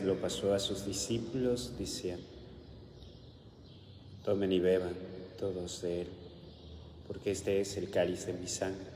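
With a mellow, deep male voice and an Argentine Spanish accent, a priest offers a homily and celebrates Mass in a small chapel with an altar. His liturgical recitation is solemn, slow and measured, and the recording has roomy hall echo and some hiss.

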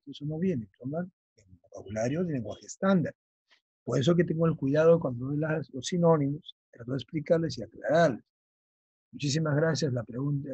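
A male teacher explaining vocabulary for an exam, often checking in with his students and slowly dictating key terms. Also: a little high, darkish tone, husky, no echo, dull audio. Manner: checks understanding with frequent "ya?". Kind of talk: vocabulary lesson for exam prep.

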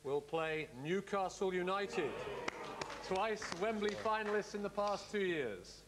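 A middle-aged man hosting a televised cup draw, speaking in a measured, courteous, official way. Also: high voice, animated, background noise. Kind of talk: formal live announcement. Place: studio-style hall set with audience.

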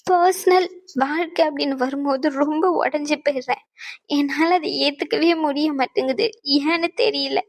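A woman voicing a young mother in a cartoon who speaks softly and haltingly, full of gratitude. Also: sits high. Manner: soft, halting, emotional. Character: young mother, grateful and tearful. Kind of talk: cartoon voice acting.

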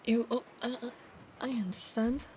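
A woman's voice: on the high side, fairly even intonation, normal speed, a little mellow, slight background noise, close to an everyday voice. A woman voicing a proud, obsessive female centaur knight in a formal, commanding, theatrical manner for an ASMR monster roleplay. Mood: softening, awkward.

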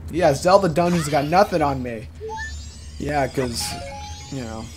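A man's voice: fairly high pitch, expressive, measured pace. A man giving casual, joking walkthrough commentary over gameplay, rambling into self-deprecating asides. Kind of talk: casual let's-play commentary. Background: game music.

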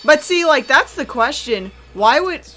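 A woman's voice: high-pitched, lively intonation, a little slow, fairly bright tone. A woman hosting a horror reaction video who comments casually, ranting and exclaiming in fright.

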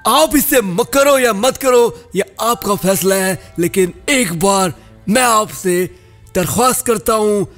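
A man's voice: high voice, takes it slowly, fairly bright tone, soft background music. A man hosting a mimicry channel, politely addressing viewers directly. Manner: polite, asks viewers to subscribe. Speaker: mimicry artist host.

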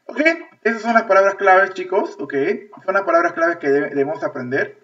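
Speaking a little fast and expressively, this Peruvian English teacher has a high, bright voice and a Peruvian Spanish accent. He keeps repeating things and asking "ok?" after almost every phrase to be sure students follow. The video-call audio is thin and lo-fi, he sounds distant from the mic, and faint music plays behind him.

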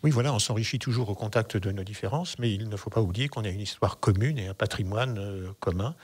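Older man, low husky voice, hesitant interviewee at a studio mic. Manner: measured, hesitant with many fillers. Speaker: festival association president. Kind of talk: radio interview. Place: radio studio. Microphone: studio mic on boom arm.

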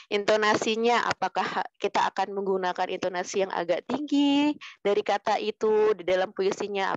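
A woman teaching children how to read poetry aloud, speaking gently and slowing down to demonstrate clear pronunciation. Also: medium pitch, dry recording. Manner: gentle, calls pupils "sayang" and "Nak", slows to demonstrate. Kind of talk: poetry reading lesson for children. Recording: dry, muffled lo-fi recording.

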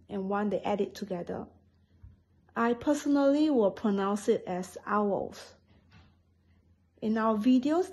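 Singaporean lady explaining english pronunciation slowly, husky kinda soft voice. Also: fairly high pitch, low-quality recording. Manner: patient, step-by-step explanations. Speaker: English teacher.

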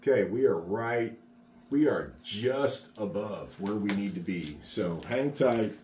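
In an echoey, unfinished garage workshop, a middle-aged contractor casually shows how to do epoxy work, talking and encouraging viewers while he works. His voice is fairly low, darkish and expressive, and he speaks slowly. The phone-camera recording has slight background noise.

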